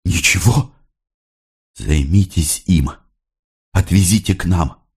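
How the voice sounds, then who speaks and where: A man voicing a brisk female revolutionary who gives fast, clipped orders. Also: sits low, darkish tone, slightly rough, heavily acted. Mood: commanding.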